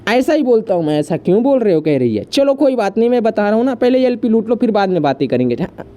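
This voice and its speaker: A man's voice: high-pitched, big pitch swings. Rhyming, teasing live room host man. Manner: fast teasing patter, rhyming banter, shouts orders. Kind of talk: rapid live room hosting with rhymes.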